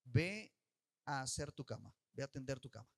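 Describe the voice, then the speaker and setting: A man preacher voicing a firm, insistent mother within his story, speaking low and steady. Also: moderate pace, dry recording, studio quality. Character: firm, unbending mother of a young girl.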